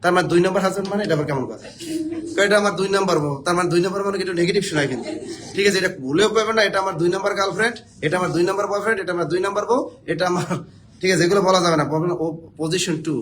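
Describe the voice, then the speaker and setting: A man's voice: high voice, very fast, a bit bright. A man from Bangladesh, teaching a spelling lesson for job exams, joking and quizzing his viewers.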